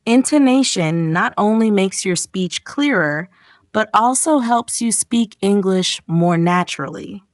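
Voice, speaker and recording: A woman's voice: mid-range voice, a little mellow, no echo, studio quality. Earnest woman narrating an English lesson. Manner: encouraging, measured and earnest. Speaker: English teacher. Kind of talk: scripted motivational narration.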